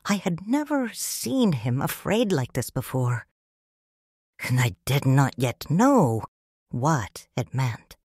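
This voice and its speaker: This is scripted audiobook narration: a middle-aged woman voices a grieving widow and mother telling her story in the first person. Low yet expressive, with broad melodic movement, she reads slowly, softly and tenderly in a reflective way. The close, dry recording is slightly rough.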